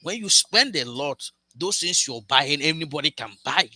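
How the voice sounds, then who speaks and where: Talking to camera, a man shares a cautionary romance tale as relationship advice, serious and preachy, repeatedly restarting and doubling words. His fairly high voice is expressive, pushed and bright, at a moderate pace with no echo.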